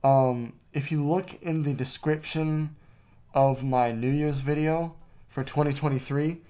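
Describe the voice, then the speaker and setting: A man's voice: on the high side, fairly even intonation, unhurried, warm tone. A man recorded too close to the mic, hosting a casual vlog voice-over in a rambling, jokey way. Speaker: vlog host.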